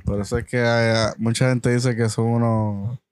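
A man's voice: medium pitch, flat delivery, moderate pace, a little mellow, smooth, dry recording. A man with a Puerto Rican accent, co-hosting a casual chat show and trading jokes and teasing banter. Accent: Puerto Rican Spanish. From Puerto Rico. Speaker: co-host.

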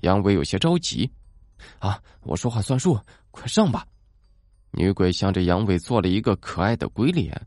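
A man narrating a ghost story in a dramatic, expressive way. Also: lowish voice, dry recording. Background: soft background music.

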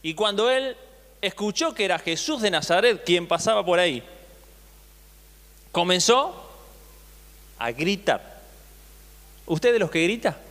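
A man's voice: sits high, lively intonation, unhurried, pauses often, a bit bright. A male pastor preaching a sermon, reading scripture aloud and retelling it with acted voices, often asking the congregation questions. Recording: long hall reverb.

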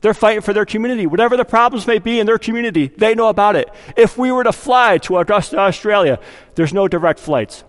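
A pastor preaching to his congregation in a church sanctuary. He has a high voice, and it rings out through a long, echoing hall. He keeps his preaching conversational, putting on little voices for the people he quotes and firing questions at the listeners. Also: lively intonation, a little fast. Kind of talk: sermon.

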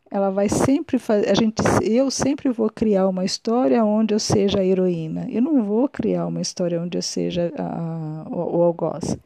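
A woman's voice: medium pitch, gravelly, mellow, no echo. A woman hosting a podcast. She gives a reflective solo monologue, musing and often restarting or correcting herself. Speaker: podcast host.

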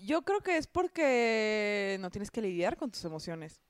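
A woman's voice: mid-range voice, very animated, unhurried, smooth, no echo, clean studio sound. A young woman co-hosting a podcast, joking in crude, playful banter. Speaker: podcast co-host. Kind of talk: casual chat.

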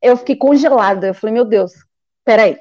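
A woman with a high, dark-toned voice tells a personal testimony at a rapid pace. She is animated and acts out the voices of others. The sound is dry and somewhat muffled. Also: no echo. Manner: animated, acts out quoted voices and prays aloud. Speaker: guest giving a testimony.

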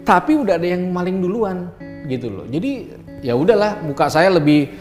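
A middle-aged man from Ambon tells his life story with earnest feeling, and his voice drops low and soft whenever the memories turn tender. His voice carries a long reverb, as if the room were large, with faint guitar music behind him. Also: very animated, normal speed. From Ambon, Indonesia. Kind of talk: emotional personal storytelling.

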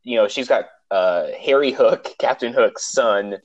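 A young man co-hosting a podcast in casual chat, chatty and quick to laugh. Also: mid-range voice, muffled recording. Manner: chatty, laughs easily, restarts sentences. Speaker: podcast co-host.

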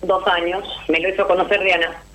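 A middle-aged woman with an Argentine accent calling in to a radio show, chatty, loud and laughing. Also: on the low side, level tone, fairly quick, lo-fi sound. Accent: Argentine Spanish. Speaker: radio caller.

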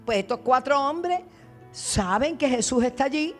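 A woman preaching a sermon as a guest preacher, retelling scripture dramatically and dropping to low asides. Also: animated, measured pace, soft background music.

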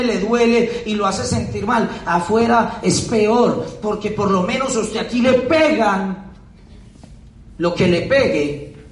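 A man giving an emphatic motivational speech to an audience at a business event, hammering points home with repetition and rhetorical questions. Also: high voice. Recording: echoey hall, picked up from a distance.

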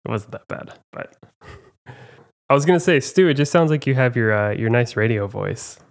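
A man's voice: mid-range voice, expressive, normal speed, gravelly. Playful man hosting a trivia podcast. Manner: playful, teasing, laughs a lot. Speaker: podcast host. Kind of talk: casual chat.

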